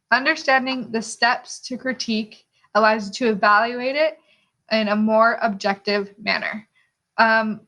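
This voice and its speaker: Bright, high-voiced woman teaching a lesson. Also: rough recording. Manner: rhetorical questions, checking in with "okay". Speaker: art teacher. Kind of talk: instructional lesson narration.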